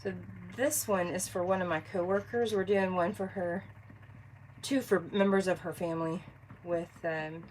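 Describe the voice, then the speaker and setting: A woman's voice: medium pitch, a little mellow, a little hiss or hum, low-quality recording. A woman chatting casually during a live craft stream, congested from allergies, thinking aloud and answering viewers by name. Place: home craft workspace.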